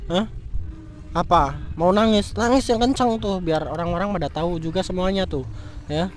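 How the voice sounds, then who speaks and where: A man's voice: sits high, normal speed, natural voice. A man playing a furious jilted young fiancé. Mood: angry. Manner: angry scolding, cursing. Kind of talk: scripted street drama.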